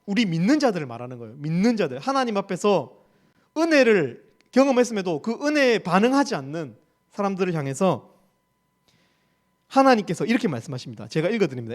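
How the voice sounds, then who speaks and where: Lively high-voiced Gyeongsang man preaching. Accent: Gyeongsang Korean. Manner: emphatic, rhetorical questions, repeats key phrases. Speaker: campus ministry staff preacher. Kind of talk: sermon.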